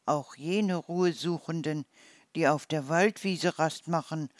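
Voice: mid-range voice, unhurried, no room sound, studio quality, lightly acted. Ein Vorleser spricht eine kleine, kecke Waldmaus. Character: small clever forest mouse, sharp-tongued.

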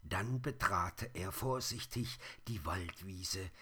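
A man narrating a children's story in a gentle, expressive, unhurried way. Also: low voice, breathy edge.

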